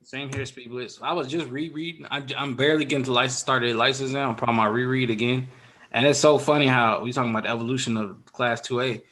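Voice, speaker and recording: Fast-talking, blunt, slangy man. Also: mid-range voice, fairly even intonation, a bit bright. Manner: blunt, slangy, swears freely. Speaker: podcast co-host. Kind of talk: casual chat.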